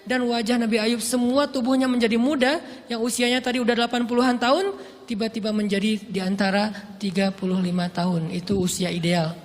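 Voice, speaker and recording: A man in his thirties preaching a storytelling sermon, acting out the quoted dialogue in a raised, lively voice. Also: very high voice, brisk. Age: 30s. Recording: long hall reverb.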